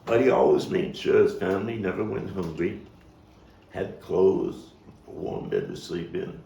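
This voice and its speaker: At a table read, the actor-playwright voices his monologue's narrator: a gravelly, low-voiced Brooklyn man, tough but well-read, recalling a difficult childhood in a wry, reflective mood. His tone is warm, he speaks haltingly with dramatic pauses, and the highs are cut off. The mic sits far away, leaving a roomy sound and faint noise.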